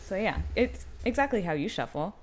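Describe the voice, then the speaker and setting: A woman's voice: medium pitch, big pitch swings, a little fast, darkish tone. A young woman co-hosting a podcast, reading tarot guide instructions aloud with chatty asides and easy laughs. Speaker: podcast co-host.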